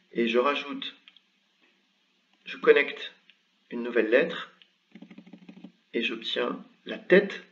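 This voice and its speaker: Man, mid-pitched, patient teacher walking through a lesson with lots of "euh", slightly dull lo-fi sound. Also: far from the mic. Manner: patient, explains step by step with many fillers. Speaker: Arabic script teacher. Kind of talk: online language lesson.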